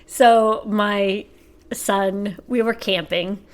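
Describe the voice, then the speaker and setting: A middle-aged woman hosts her own health podcast, speaking as a trainer and coach. She talks in a casual, chatty, animated way at an ordinary middle pitch. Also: extremely slow. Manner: chatty and animated, laughs while telling stories. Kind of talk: casual solo podcast talk.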